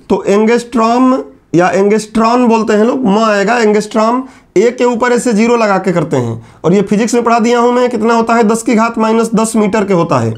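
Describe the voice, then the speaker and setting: A man giving a classroom lecture at a whiteboard. He asks the class questions, answers them himself and slowly repeats key terms. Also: very high voice. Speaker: teacher.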